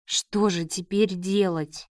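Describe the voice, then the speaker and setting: Woman voicing a despondent male surgeon, lifeless and slow. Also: medium pitch, steady tone, a little mellow, no echo, clean studio sound, lightly acted. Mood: despairing. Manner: lifeless, dejected.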